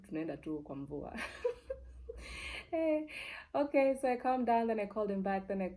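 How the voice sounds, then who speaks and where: Switching back and forth between English and Swahili, a young Kenyan TV presenter shares a candid, casual personal story. Her voice is low and mellow, and she's expressive, repeating words to emphasize them.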